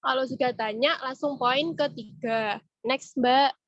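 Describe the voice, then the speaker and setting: Speaking a little slowly with fairly even intonation, a high-voiced woman presents a conversational retail training over an online meeting while suffering a cold and cough. She checks in with her listeners often. No room sound; the audio is dull and muffled.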